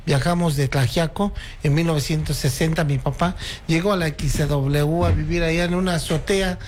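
A man's voice: on the high side, fairly even intonation, moderate pace, a little hiss or hum. A man in his sixties from Oaxaca with a Mexican accent, telling stories and reciting verses as a guest on a chat show. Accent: Mexican Spanish. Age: 60s. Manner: proud, storytelling, recites verses. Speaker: guest, cultural promoter. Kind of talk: casual radio chat.

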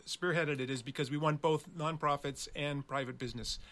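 A man's voice: fairly high pitch, fairly even intonation, a little fast, fairly bright tone. A man, a guest in a casual interview, explaining community work earnestly.

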